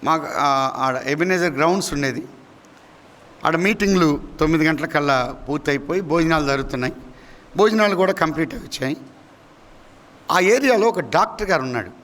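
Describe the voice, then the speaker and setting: A male pastor preaching a sermon, swinging between loud, high emphatic rises and sudden low drops. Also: a little fast, long pauses. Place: church.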